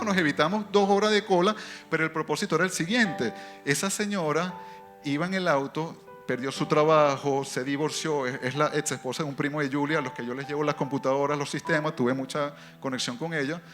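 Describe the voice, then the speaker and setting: A man with a foreign accent and a slightly raised voice tells his church testimony as a story. He moves between quick and drawn-out phrases. Faint instrumental music plays in the background. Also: a little high, a bit bright. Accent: foreign accent in Spanish. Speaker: church member giving testimony.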